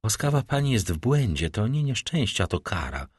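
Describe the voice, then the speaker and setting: A man voicing a middle-aged, vengeful nobleman who speaks with icy calm and bitter irony. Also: fairly low pitch, moderate pace, slightly rough, no room sound, studio quality.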